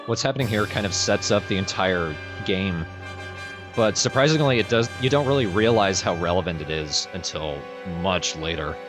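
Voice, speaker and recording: Speaking at a normal pace in a low, expressive voice, this let's play host chats dryly and casually with his co-host, cursing freely. Game music runs under his voice throughout.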